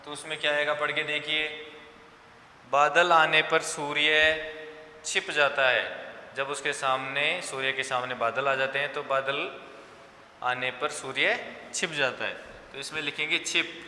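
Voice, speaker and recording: A male teacher talks through a class lesson, pacing his explanations and repeating answers for dictation. His voice is very bright and crisp. The room is echoey, with a long reverb tail and a faint hum behind him. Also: on the high side, steady tone, moderate pace. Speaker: school teacher.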